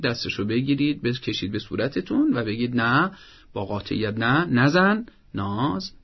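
A man with a gravelly, creaky voice gives parenting advice on a broadcast talk program. He lays out his points one by one in a firm, teacherly manner. The sound is dull and lo-fi. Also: medium pitch. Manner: firm, didactic, explains step by step. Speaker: parenting advisor.

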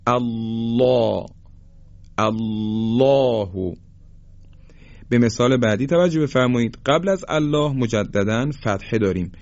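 A man teaching a Quran recitation lesson, explaining the rules and then chanting the examples slowly and drawn out. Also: mid-range voice, animated, a little mellow. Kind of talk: tajweed lesson. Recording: dull lo-fi recording.

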